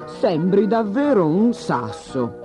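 A man voicing a big, gentle male elephant who speaks slowly and plaintively, with music behind. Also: high-pitched, big pitch swings, pitched above the performer's own voice, full character voice. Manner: slow, plaintive and fretful. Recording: slightly dull recording with music behind.

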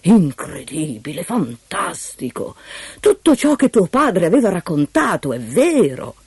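A woman's voice: fairly low pitch, big pitch swings, measured pace, a little mellow, slightly rough, dry recording, voice pushed up, heavily acted. A woman doing a greedy stern king. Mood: commanding. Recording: music playing behind.

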